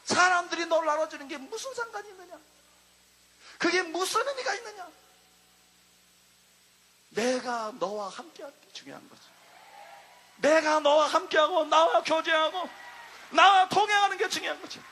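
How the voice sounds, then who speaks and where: A man's voice: extremely high pitch, animated, normal speed, pauses often, bright, forceful tone, slight background noise, heavily acted. Give me the solemn voice of the Lord, voiced by a male pastor, questioning and admonishing in a sermon. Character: the Lord, a calm, grave divine voice. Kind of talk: sermon retelling.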